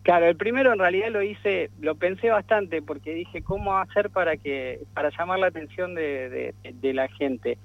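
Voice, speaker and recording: A man's voice: sits high, normal speed, creaky, few pauses, dry recording. A man, a guest in a radio interview who talks with many restarts and fillers. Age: 40s. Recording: dull lo-fi radio sound.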